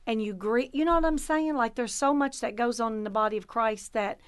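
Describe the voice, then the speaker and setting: A woman pastor tells a faith story with lots of energy and exclamation. Her voice sits a little high, and she often breaks into laughter between points. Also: brisk, smooth. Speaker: pastor, guest. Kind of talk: faith talk, preaching testimony.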